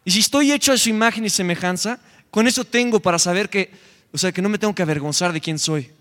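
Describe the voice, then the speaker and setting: Young Mexican male youth preacher, high voice, animated and joking, long hall echo. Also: fast talker. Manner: animated, joking, retells scripture in quoted voices. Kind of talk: sermon.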